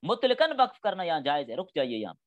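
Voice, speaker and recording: A man's voice: fairly high pitch, huge pitch swings, fast, highs cut off. A middle-aged man teaching a class on Quran studies, explaining patiently step by step and acting out spoken examples. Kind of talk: classroom lecture.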